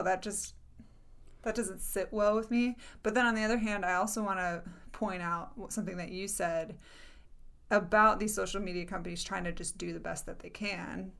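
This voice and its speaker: Creaky-voiced woman debating casually. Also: fairly low pitch. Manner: hedging, many "like" fillers, trails off softly.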